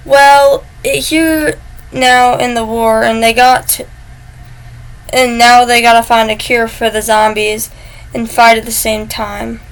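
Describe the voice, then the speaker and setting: A woman's voice: on the high side, steady tone, slow pace, vocal fry, poor audio. A woman casually telling a made-up story, chatty and stumbling over words as she goes. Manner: chatty, stumbles and restarts mid-word.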